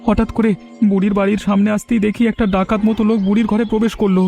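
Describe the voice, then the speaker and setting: A man's voice: sits high, level tone, quick pace, gravelly, dark tone. A man voicing a poor young village man accused of theft, who pleads earnestly. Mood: pleading. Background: background music.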